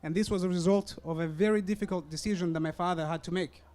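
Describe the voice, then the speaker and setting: A young Rwandan man, a student, gives a prepared talk at a university event into a hand-held or stand mic, his voice notably high, light, steady and a little mellow. English isn't his first language, so his earnest, measured sentences are broken now and then by pauses to gather his words.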